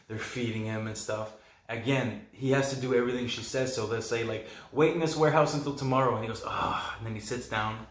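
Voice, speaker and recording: A man hosts a podcast and retells a film casually, piling up ums and false starts as he goes. His voice sits at an ordinary middle pitch. The recording has a noticeably roomy echo. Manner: rambling, enthusiastic retelling with many fillers. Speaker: podcast host.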